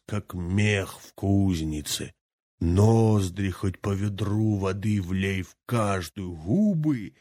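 Male storyteller, low voice, slow dramatic folk tale reading, dry close sound. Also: darkish tone, dry recording. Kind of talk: expressive folk tale narration.

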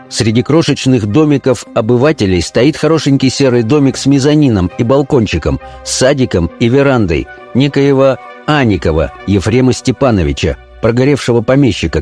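A man reading a period detective story aloud as scripted narration, in an even, measured manner. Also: mid-range voice.

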